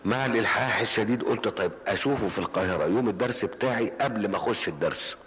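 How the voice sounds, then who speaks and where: Racing along in a fairly low, slightly bright voice, an older preacher with an Egyptian Arabic accent gives a mosque lesson answering questions. He speaks colloquially, tells stories and repeats phrases for emphasis, while the hall adds a long reverb tail.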